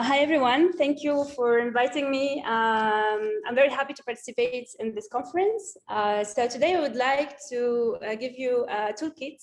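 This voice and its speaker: A Tunisian woman with a higher-pitched voice leads a data science team and gives an informal career advice presentation at a remote video conference. Slight background noise can be heard.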